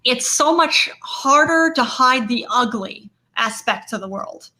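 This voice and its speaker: A woman's voice: on the high side, animated, measured pace, sharp tone, poor audio. A woman co-hosting a comedy podcast, chatting and agreeing easily and greeting viewers as she talks. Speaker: podcast co-host. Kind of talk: casual chat.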